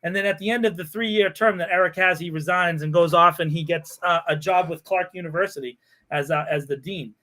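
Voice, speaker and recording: A man hosting a podcast, ranting in a sarcastic, animated way with frequent laughter. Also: on the high side, brisk. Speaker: podcast host. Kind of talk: casual podcast chat.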